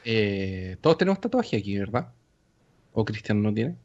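Male podcast co-host, relaxed and chatty, slightly muffled mic. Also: lowish voice, normal speed, no echo. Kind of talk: casual podcast chat.

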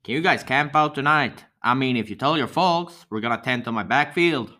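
A man acting an excitable, naive boy who pleads urgently and repeats himself, in an amateur dramatic read-through. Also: mid-range voice, moderate pace, natural voice. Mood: eager.

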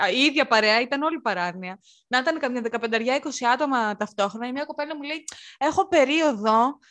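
Lively young Greek-speaking woman storyteller. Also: on the high side. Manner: animated, acts out quotes of rude customers. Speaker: podcast co-host. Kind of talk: casual chat, storytelling.

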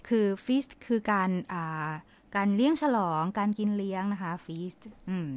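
A woman's voice: mid-range voice, lively intonation, darkish tone. Thai woman teaching English words. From Thailand. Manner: patient, explains slowly, polite sentence endings. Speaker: podcast host.

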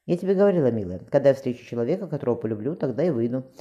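A woman's voice: extremely low pitch, big pitch swings, very fast, dark tone, lo-fi sound, exaggerated voice. A man voicing a caring middle-aged mother who also acts as a midwife, firm and soothing. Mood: tender.

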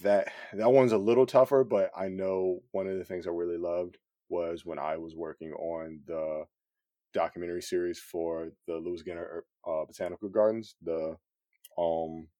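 A man with a low, mellow voice talks through his camera work in a loose, easygoing podcast chat. He rambles, piling on fillers and restarts. The sound is dry and close, with no room around it. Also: normal speed, no room sound. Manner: relaxed, rambling, many fillers. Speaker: cinematographer guest. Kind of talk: casual podcast conversation.

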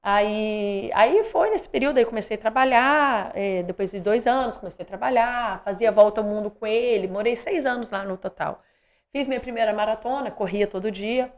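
A middle-aged woman with a Brazilian accent talks in a somewhat high voice. She tells her stories in an animated way and acts out the voices of the people she quotes. It sounds like a casual interview. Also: moderate pace. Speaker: guest athlete.

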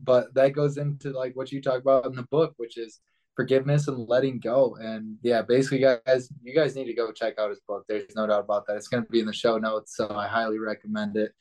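A man's voice: medium pitch, level tone, fairly quick, a little mellow, rough recording. A man hosting a podcast, chatting casually and plainly, with easygoing mild swearing. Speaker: podcast host. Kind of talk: casual interview chat.

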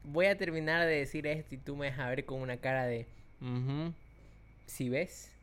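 A man's voice: mid-range voice, fairly even intonation, fairly bright tone, clear, resonant tone. Teasing man co-host. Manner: teasing, interrupting with quick questions. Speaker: podcast co-host. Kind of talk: casual chat.

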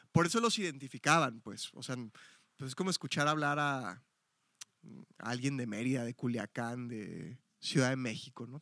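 A man's voice: on the high side, fairly bright tone, no echo, clean studio sound. A middle-aged man from Mexico City with a Mexico City Spanish accent, giving a chatty, explanatory church teaching with frequent fillers and self-corrections. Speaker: Bible teacher.

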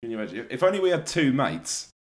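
Casting: male podcast co-host, animated pitch, tongue-in-cheek casual banter. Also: fast.

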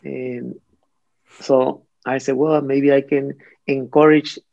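A man from Mexico, a priest guest in a conversational interview, speaking in a hesitant, halting way with many restarts. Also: medium pitch, level tone, gravelly, a little mellow. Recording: slightly dull audio with faint music.

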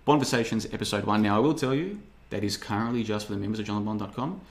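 A man's voice: on the low side, very fast. A man in his thirties hosting a livestream podcast, rambling and sarcastic, often mocking others in put-on voices. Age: 30s. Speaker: podcast host. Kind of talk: casual livestream monologue.

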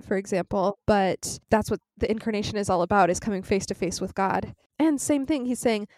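A woman co-hosting a podcast, earnest and measured, who also reads scripture aloud. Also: mid-range voice, a little mellow, dry recording, studio quality. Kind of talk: conversational discussion, reading scripture aloud.

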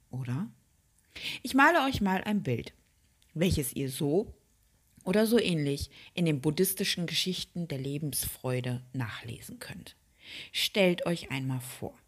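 A woman hosting a reflective podcast, speaking softly and slowly, often dropping to a whisper. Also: deep voice. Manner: slow, soft and breathy, with hushed whispered passages. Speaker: podcast host.

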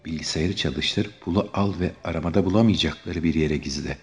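A man voicing a young woman rebel who quietly rehearses her plan, measured and tense. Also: extremely low pitch, faint music behind.

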